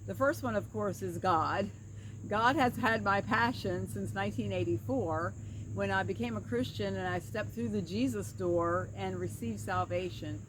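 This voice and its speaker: A woman's voice: mid-range voice, moderate pace. A middle-aged woman giving a casual, earnest personal vlog, her speech slightly slurred as if one side of her mouth were numb. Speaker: vlogger and pastoral counselor. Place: outdoors by a creek. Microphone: camera at a short distance. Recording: outdoor creekside with clear insect and ambient noise. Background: insects and woodland ambience.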